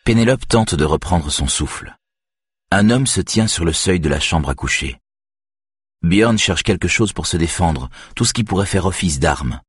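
A man reading an audiobook in measured, even scripted narration. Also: low-pitched, slightly rough, no room sound.

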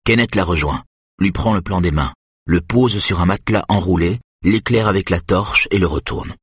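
A man narrates a thriller audiobook in a steady, measured way. His voice sits low and has a husky grain. The sound is dry and close, with no room around it. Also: no room sound.

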